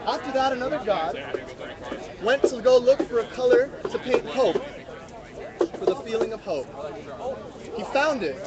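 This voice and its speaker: A man with a very high, expressive voice reads a story aloud to a live group at a normal speed, pausing often and prompting listeners to fill in words. The lo-fi sound comes from an outdoor live mobile stream, with music, crowd chatter, and street sounds in the background.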